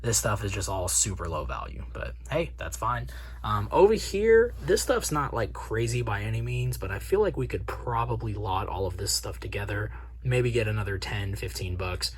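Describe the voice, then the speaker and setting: An American man hosts a video channel about reselling collectibles, chatting informally with viewers in a casual, slangy vlog style. His voice is on the low side, swings widely in pitch, and moves at a normal speed.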